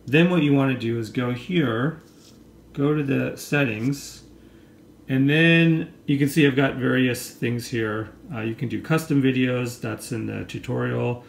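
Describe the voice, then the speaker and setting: A man's voice: mid-range voice, measured pace, vocal fry. A man presenting a casual hands-on tutorial in an informal, explanatory way. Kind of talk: casual hands-on product demonstration. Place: indoor room, at a table. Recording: roomy with faint background noise.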